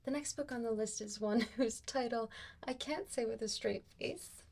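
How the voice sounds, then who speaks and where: A woman's voice: on the high side, moderate pace, creaky, a little mellow. A young woman presenting a reading vlog to camera in an upbeat, playful, giggly way. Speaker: book vlogger. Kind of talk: scripted vlog talk to camera.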